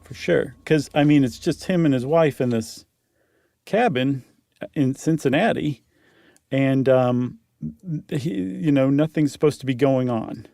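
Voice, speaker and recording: A man from Ohio in the United States co-hosts a podcast, shifting between casual chat and dramatic reading of a horror story. His mid-range voice is creaky and warm, at a measured pace, with studio quality and no room sound. Faint music runs under his voice.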